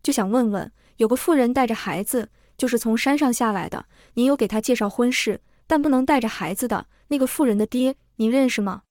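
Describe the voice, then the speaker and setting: A worn, humble fortune teller begs and presses with eager questions, as a woman reading the tale puts him on. The voice stays a bit high and meek. The storybook audio is close and dry. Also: fairly quick, hardly any pauses, a little mellow, dry recording, lightly acted. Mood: urgent questioning. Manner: pleading, humble.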